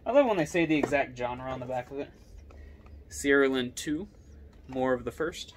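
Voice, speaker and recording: A man's voice: mid-range voice, lively intonation, slight background noise. Casual young man chatting through games. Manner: chatty, offhand quick comments on each game. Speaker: gaming YouTuber. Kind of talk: casual collection walkthrough.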